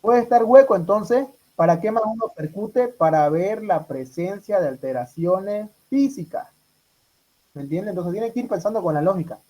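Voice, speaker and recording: A man's voice: sits high, expressive, moderate pace, warm tone, rough recording. A man runs an exam review for medical students. He fires questions at the class and repeats each answer back to them. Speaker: medical tutor.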